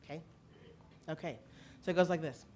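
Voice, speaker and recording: A woman's voice: deep voice, warm tone, a little hiss or hum. A woman leading a congregation in learning a song, playful and encouraging, her voice a bit worn from being recently lost. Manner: playful, encouraging, slow and deliberate. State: recovering from a lost voice. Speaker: song leader at church service.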